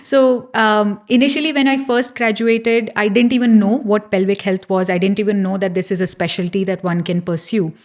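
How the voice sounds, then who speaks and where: Middle-aged woman explaining calmly. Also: medium pitch. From India. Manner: measured, explanatory, with fillers. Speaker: guest physiotherapist. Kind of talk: interview answers.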